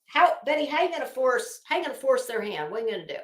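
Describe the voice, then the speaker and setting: A woman's voice: high voice, sing-song, rapid-fire. A woman livestream host giving sarcastic, sweary commentary and dramatic readings in a hammy, theatrical manner. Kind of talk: casual commentary to a live chat with dramatic readings. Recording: roomy, echoing sound.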